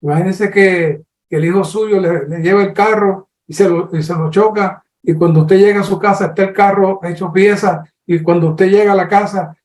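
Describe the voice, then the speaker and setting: Speaking in a high register, this Colombian-accented man delivers a sermon with reverberation around him. His teaching is unhurried and sincere, punctuated by animated, acted-out questions.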